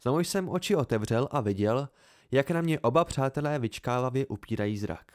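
A man narrating a first-person fantasy novel as an amateur audiobook reader, in a measured, even storytelling way. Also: medium pitch.

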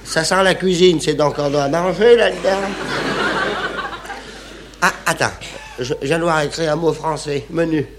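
A man's voice: on the high side, moderate pace, long pauses, background noise. A man performing a comic stage monologue, in an indignant, exclaiming, mock-stubborn manner. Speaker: comedian.

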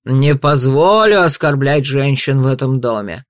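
Brief: male reader as an older house patriarch, slow, raised and commanding, dry sound. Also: a little high, flat delivery, a bit bright, clear, resonant tone, no echo. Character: stern older male head of a family.

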